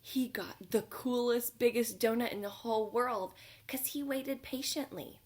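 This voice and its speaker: A woman preschool teacher reading a picture book aloud to children, gentle and expressive. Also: fairly high pitch, unhurried. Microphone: home video recording.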